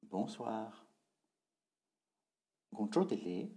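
Slow, gravelly man teaching a language. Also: on the low side, sing-song, warm tone. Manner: slow, repeats words to drill tones. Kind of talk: spoken language lesson.

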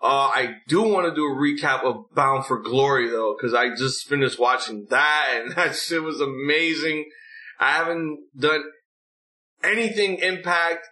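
A man's voice: on the high side, measured pace, pushed and bright. A man hosting a recap show in a casual, opinionated rant, blunt and full of swearing. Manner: blunt, profane. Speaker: host of a wrestling recap show.

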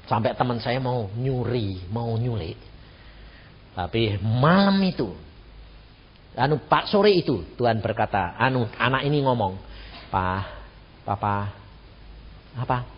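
A man, preaching a sermon as pastor, telling a family story with lively acted-out voices. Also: medium pitch, measured pace, slight background noise. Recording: dull radio broadcast in a reverberant hall.

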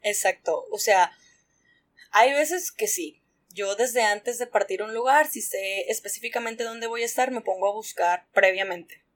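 Speaking at a moderate pace in a mid-range voice, a young adult Mexican-accented woman tells animated stories as a casual-chat guest. She uses plenty of slang and laughs a lot.

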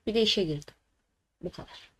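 A woman's voice: mid-range voice, brisk, slightly rough. Young woman telling stories, exasperated. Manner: animated, exasperated storytelling with swearing. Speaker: podcast co-host. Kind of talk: casual chat.

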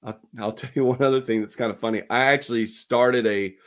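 A man's voice: mid-range voice, steady tone, brisk, a crowd in the background. A middle-aged man hosting a podcast in casual chat, self-mocking and full of restarts. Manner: self-deprecating, stumbling restarts. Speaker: podcast host.

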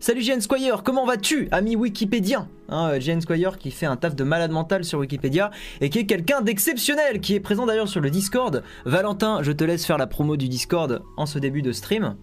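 A man's voice: high-pitched, animated, fairly quick, hardly any pauses. A man hosting a casual tech live stream, chatty and joking, with many fillers and asides.

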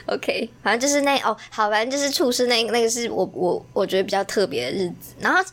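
A young woman in her twenties telling a story in casual chat, lively and laughing often, acting out the voices of the people she quotes. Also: a little high, quick pace.

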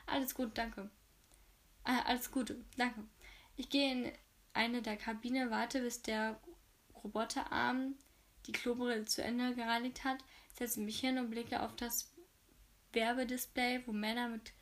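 A woman reading a novel aloud for her viewers and making chatty, frank asides about the story. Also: a little high.

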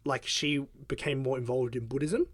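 A man's voice: mid-range voice, fairly even intonation, normal speed, no room sound. A young man, a guest in a casual interview, talking hesitantly with lots of fillers. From Australia. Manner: hesitant, filler-heavy, soft-spoken.

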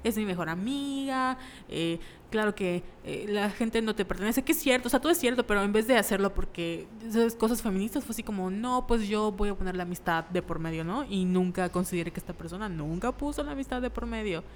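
A woman with a Mexican accent chatting casually, telling animated stories and acting out the voices in them. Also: mid-range voice, quick pace, hardly any pauses, in a large hall, slight background noise. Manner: animated storyteller, acts out quotes, laughs often. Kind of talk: casual chat.

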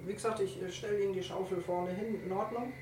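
A man's voice: high-pitched, fairly even intonation, fairly quick, over a noisy crowd. A young man playing in a tabletop role-play, improvising in character and stammering over repeated words. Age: young adult. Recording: echoey room, distant mic, noisy.

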